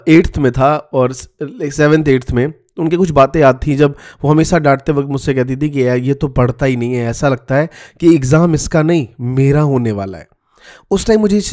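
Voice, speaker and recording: A man's voice: fairly high pitch, darkish tone. A man giving students direct study advice in a motivational talk, often slipping English words into it. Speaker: YouTube study-tips presenter.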